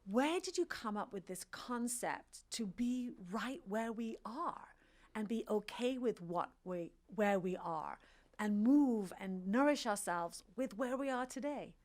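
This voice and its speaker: A woman's voice: a little high, lively intonation, slow pace, a little mellow. A woman in her fifties hosting a podcast interview, frank and playful, laughing off and swearing at her own slips. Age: 50s. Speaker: podcast host.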